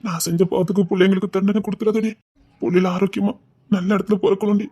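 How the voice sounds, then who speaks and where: A man with a Tirunelveli accent playing a remorseful young husband, pleading in a hushed, tearful voice. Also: high voice, level tone, quick pace. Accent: Tirunelveli Tamil. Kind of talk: web drama acting.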